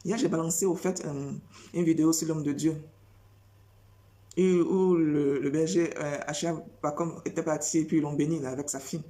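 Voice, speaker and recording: Woman preacher, sermon delivery; low, mellow tone, insistent and repetitive, heavy on rhetorical questions. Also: fairly even intonation, moderate pace. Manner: insistent, repeats phrases and fires rhetorical questions.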